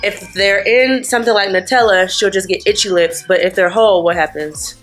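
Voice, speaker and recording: In a casual vlog chat to camera, a mother and vlogger in her thirties sits in a hotel room teasing and telling stories with quoted asides, her nose sniffly. She speaks at medium pitch and a little fast, with soft music in the background.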